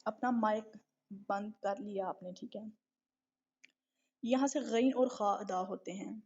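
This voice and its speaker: A woman teaching recitation in a live online lesson, explaining patiently, drawing out letter sounds slowly, and often checking that her students follow. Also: mid-range voice, darkish tone, husky. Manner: patient, explanatory, keeps checking with a repeated question. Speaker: tajweed teacher. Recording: dull lo-fi online stream audio.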